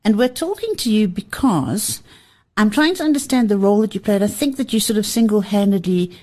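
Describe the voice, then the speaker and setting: A woman's voice: mid-range voice, lively intonation, fairly quick, mellow. A middle-aged woman hosting an interview show, chatting playfully and laughing often. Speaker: podcast host.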